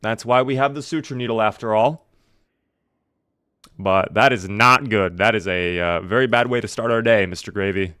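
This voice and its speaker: A man's voice: fairly low pitch, moderate pace, bright, forceful tone, smooth, no room sound, studio quality. A man doing casual live commentary while playing a survival video game, chatting to viewers in a wry, mock-dramatic way.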